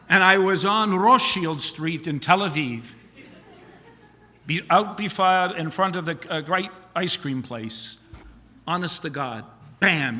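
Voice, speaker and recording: Man as rabbi, eulogy full of jokes; high, bright voice, long hall reverb. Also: a little hiss or hum. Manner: animated joke-telling, folksy asides. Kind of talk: eulogy with humorous storytelling. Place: synagogue sanctuary.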